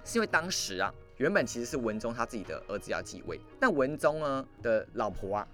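Man, history podcast host, conversational storytelling, very animated pitch, quick. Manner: lively, conversational, quick asides to the listener. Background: faint background music.

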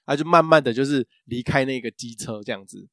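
A man's voice: medium pitch, fairly quick, no room sound, studio quality. A man, co-hosting a casual podcast chat and telling a rambling story full of fillers and restarts. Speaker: podcast co-host.

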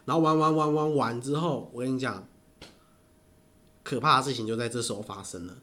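A man, telling stories in casual chat, animated and laughing often. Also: mid-range voice, a little fast.

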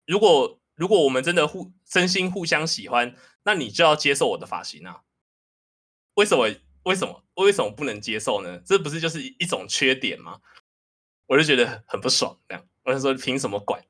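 Young male podcast host, animated, pitch rising and falling freely, candid casual chat. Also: brisk. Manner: candid, animated, self-deprecating.

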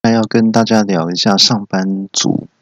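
A man hosting a solo comedy show, telling jokey stories and jumping into shouted character quotes. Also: fairly low pitch, fairly even intonation, normal speed, no room sound. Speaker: comedy podcast host. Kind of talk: solo stand-up storytelling. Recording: dull lo-fi recording.

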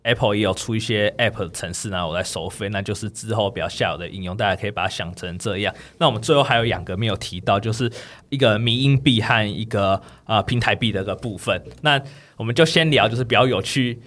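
A man's voice: fairly low pitch, quick pace, fairly bright tone. A man with a Taiwanese Mandarin accent, co-hosting a podcast and explaining things in a casual, filler-heavy way. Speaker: podcast co-host.

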